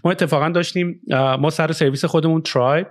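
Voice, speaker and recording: A startup founder from Iran in a casual podcast conversation, often dropping English phrases and filling pauses with "uh" and "you know". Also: male voice, fairly high pitch, steady tone. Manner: mixes English phrases into Persian, frequent "uh" fillers and "you know". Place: Canada.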